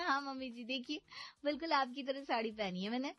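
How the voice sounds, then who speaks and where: A woman's voice: sits high, moderate pace, a bit bright, no echo. A woman voicing a naive, literal-minded young bride who talks in a sweet, innocent, chatty way in a cartoon story. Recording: slightly dull audio with background music.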